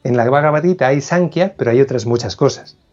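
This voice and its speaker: A man's voice: mid-range voice, fairly quick, a little mellow, highs cut off, faint music behind. A man, a philosophy scholar, explaining ideas as an interview guest, thoughtful and prone to restarts and self-corrections.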